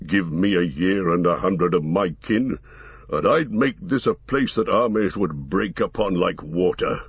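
A man voicing a gruff, stout male dwarf warrior who speaks deep, slow and booming. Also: lively intonation, no echo, muffled recording, exaggerated voice. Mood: proud.

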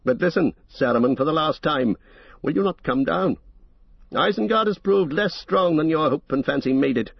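A man voicing a stern, commanding old male wizard with a husky voice. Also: fairly high pitch, expressive, moderate pace, no echo, lo-fi sound, voice pushed up, exaggerated voice. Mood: earnest. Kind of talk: audiobook character reading.

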